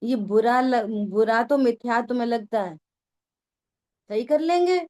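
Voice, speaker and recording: A woman with a somewhat high voice gives a religious discourse to her class. Her tone is conversational, and she often stops to ask whether the point has landed. She scolds her listeners in a familiar, teasing way. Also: unhurried, darkish tone. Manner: conversational, keeps checking that listeners follow. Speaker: teacher of a scripture study class.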